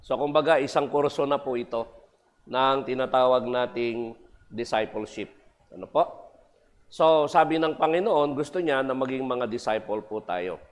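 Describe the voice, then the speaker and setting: A man's voice: medium pitch, normal speed. A man preaching a sermon as pastor, switching between Tagalog and English with polite particles and frequent fillers. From Philippines. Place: church sanctuary. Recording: long church reverb.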